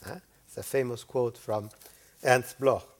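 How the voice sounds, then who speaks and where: An older man born in Brazil giving an academic lecture, reading out quotations and pausing with "uh" and a checking "yeah?". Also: medium pitch, fairly even intonation. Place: lecture hall.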